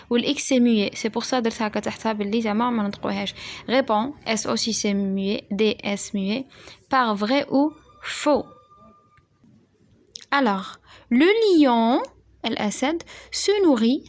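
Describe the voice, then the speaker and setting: A young woman teaching a primary school French lesson, dictating slowly and spelling words out letter by letter. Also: on the high side.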